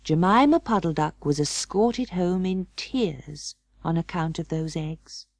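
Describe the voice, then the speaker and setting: A woman narrating a children's story in an expressive, measured and dramatic storytelling manner. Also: lowish voice, no echo, studio quality. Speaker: audiobook narrator.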